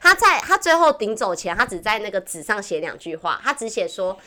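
Bright, lively woman. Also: medium pitch, brisk. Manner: animated storytelling, frequent laughter. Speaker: podcast co-host. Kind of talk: casual chat.

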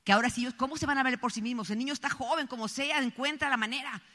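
A woman's voice: high voice, racing, pushed and bright. A middle-aged woman from Colombia giving an emphatic motivational talk, telling stories and speaking straight to the audience. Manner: emphatic, storytelling, addresses the audience directly. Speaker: motivational speaker at a business event. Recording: echoey hall reverb.

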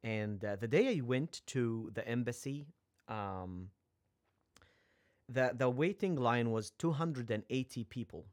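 A man's voice: medium pitch, unhurried. A young man from Egypt, a native Arabic speaker with an Egyptian accent, chatting as a podcast guest in a hesitant way with frequent ums and restarts. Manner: hesitant, many ums and restarts, laughs often. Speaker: seminary student guest. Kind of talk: casual interview chat.

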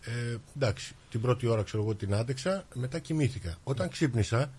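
Man, husky voice, podcast co-host, casual chatty storytelling. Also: mid-range voice, lively intonation, darkish tone. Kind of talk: casual chat. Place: lives in Melbourne.

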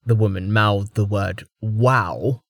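A man reading a fantasy audiobook in a measured, even narration voice on a close mic. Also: fairly low pitch, no echo.

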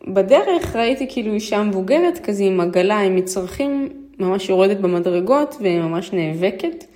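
Animated and mellow at a medium pitch, this woman vlogger with an Israeli accent shares personal stories and speaks directly to listeners. She's informal and a bit hesitant, often repeating phrases to stress a point.

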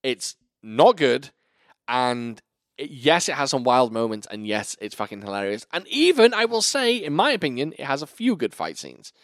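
A man hosting a casual film review chat, animated and profane, joking as he runs the talk. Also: medium pitch, normal speed, dry recording, clean studio sound. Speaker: podcast host reviewing a film.

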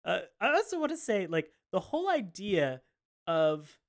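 A man's voice: sits high, very animated, moderate pace. A man chatting casually and comedically as a podcast panellist, rambling along and acting out imagined dialogue.

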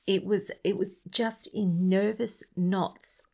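A woman's voice: medium pitch, steady tone, slow, gravelly, darkish tone, low-quality recording. A woman speaking earnestly and directly to her listener, giving heartfelt advice on breaking free from toxic relationships.

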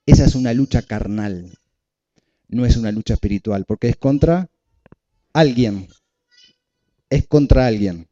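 A man's voice: mid-range voice, a little slow, pauses often, dark tone, muffled recording. A male pastor preaching a sermon, repeating key phrases and asking the congregation questions.

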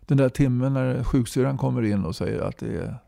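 Man in his 60s, heavy fry, dark tone, chatty guest who peppers lines with "va?"; dry sound. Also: medium pitch, no room sound. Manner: talkative, tags sentences with "va?". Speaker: guest, musician and movement leader. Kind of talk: casual conversational interview.

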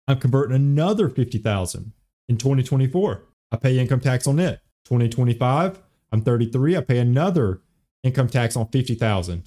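A man's voice: mid-range voice, mellow. A young man hosting a finance podcast, explaining retirement accounts step by step and checking in with the listener as he goes. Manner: repeats key points, checks in with "okay?" and "right?".

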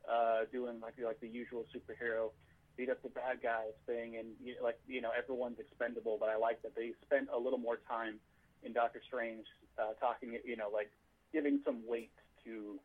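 A man's voice: mid-range voice, little pitch movement, moderate pace, breathy edge. A man co-hosting a casual movie chat over a phone line, rambling with lots of fillers and restarts. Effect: heard over a phone line. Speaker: podcast co-host.

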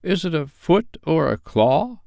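A man voicing an old miserly man, asking anxious, slow, imploring questions. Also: fairly high pitch, sing-song, creaky, darkish tone, dry recording, clean studio sound, voice pushed up, full character voice. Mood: fearful.

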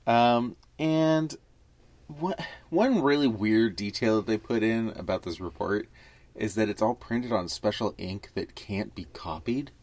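A man's voice: lowish voice, unhurried, darkish tone, dry recording. A man co-hosting a podcast in casual chat about a film, explaining things at length with wry asides. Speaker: podcast co-host.

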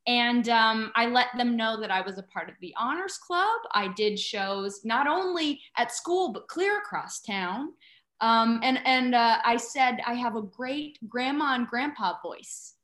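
A woman in her thirties chats casually as a guest, telling stories with lively energy and frequent laughter. Her voice is bright and slightly high. The recording has a noticeable roomy echo. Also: unhurried. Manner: animated storyteller, laughs often. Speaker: actress guest. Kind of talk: casual chat.

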